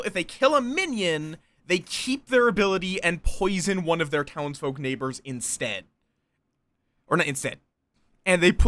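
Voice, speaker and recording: Here the streamer and game storyteller of an online social deduction game chats with friends and viewers in a relaxed, playful way, adding bits of sing-song flourish. The pitch is medium and the tone a little bright, captured in a dry recording.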